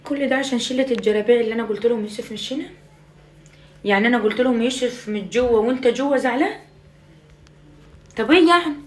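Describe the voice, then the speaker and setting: An Egyptian woman with a slightly high voice talks fast yet leaves long pauses, playing a mother in a comic family video. She alternately pleads with and scolds her son, swearing oaths, erupting in loud bursts of exasperation, and piling on affectionate endearments, often dropping to a hushed, half-whispered tone.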